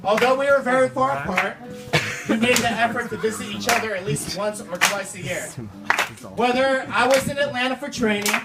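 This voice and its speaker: Young man's playful wedding toast, distant, loud music. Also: very high voice, a little fast. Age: young adult. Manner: playful, performing to the guests. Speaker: best man. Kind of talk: wedding toast, alternating speech and sung comic verses.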